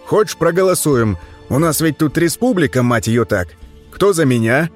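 A man voicing a gruff, sardonic male vampire leader who curses. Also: on the high side, expressive, moderate pace, faint music behind, lightly acted.

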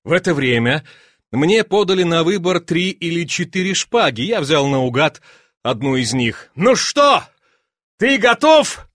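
A man's voice: a little high, expressive, moderate pace, a bit bright, dry recording, clean studio sound. A man reading a novel aloud as an audiobook narrator, telling the story expressively. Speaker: audiobook reader. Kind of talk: scripted narration.

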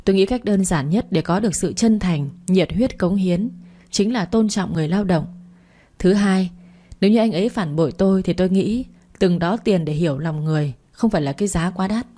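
Kind, teasing young chairman read by a woman, low and mellow, storybook delivery. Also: a little fast, natural voice. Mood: warm.

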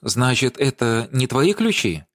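A scornful young woman hurls accusations in a lively, raised voice, as a male reader puts her on. The storybook delivery swings animatedly through the lines. The sound is dry and close. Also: a little high, normal speed, dry recording, pitched above the performer's own voice. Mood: accusing. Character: sharp, indignant young woman confronting a lover.

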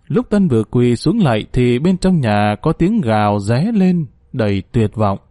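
A man's voice: medium pitch, big pitch swings, measured pace, warm tone, no echo, clean studio sound. A man narrating a ghost story in a scripted reading, giving the characters small acted shifts.

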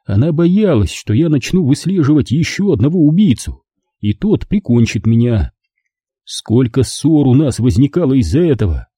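A man reading a first-person audiobook in a measured storytelling manner. His voice is husky and very warm and dark, with a lively rise and fall. The recording is dry and close. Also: mid-range voice, dry recording. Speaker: audiobook narrator.

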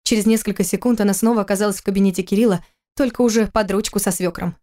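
A woman narrating an audiobook in an even storytelling manner. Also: medium pitch, very fast. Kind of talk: scripted narration.

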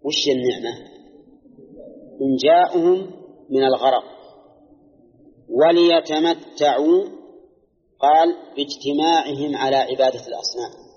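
Najdi sheikh teaching a class, measured and explanatory, dull old tape with hall echo. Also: male voice, mid-range voice, a little mellow. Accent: Najdi Arabic. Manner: measured, explanatory, quizzes listeners. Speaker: Islamic scholar teaching Quran exegesis. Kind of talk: classroom lecture with questions to students. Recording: dull, echoey archival lecture recording.

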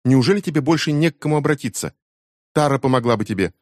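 A man voicing an angry, grieving teenage girl who hurls quick, shrill accusations at her mother. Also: darkish tone, no room sound, clean studio sound, natural voice. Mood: accusing. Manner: shrill, fast accusing outbursts.

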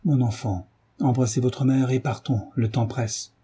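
A man voicing a steady, resourceful grown man who gives firm, urgent commands. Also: medium pitch, a little slow, husky.

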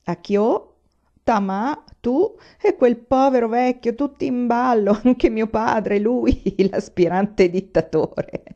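A jittery, good-humoured young man, read by a woman narrator in a storybook, rushing his words and fretting. The voice is mellow and warm, on a dull, lo-fi recording. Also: medium pitch, close to an everyday voice. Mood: laughing. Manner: hurried, fretful. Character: nervous jovial young man, easily flustered.

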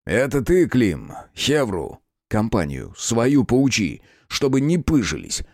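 A man voicing a stern, dry police investigator in an audiobook, measured and curt. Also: medium pitch, huge pitch swings, a little mellow, dry recording, pitched above the performer's own voice, full character voice.

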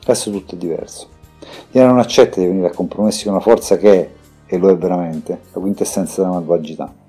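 Man reading old sage, audiobook, weary, grave, patient, low mellow voice. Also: fairly even intonation, breathy edge, soft background music. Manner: slow, grave explaining.

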